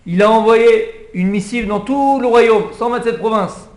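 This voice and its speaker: Animated high-voiced rabbi teaching. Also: male voice, measured pace. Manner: lively storytelling, acts out the king's pleading. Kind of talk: Purim Torah class. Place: classroom with a small audience. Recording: echoey room, faint background hum.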